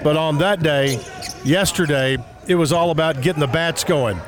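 A man with a fairly high-set voice presents sports news on the radio. He delivers scores and schedules like an announcer, reading from a script. Music plays behind him. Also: moderate pace.

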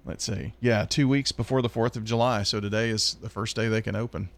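A man's voice: lowish voice, fairly even intonation, brisk, creaky, no echo. Easygoing man hosting morning radio. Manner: easygoing, rambling with many ums. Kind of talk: casual radio banter. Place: radio studio. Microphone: studio microphone.

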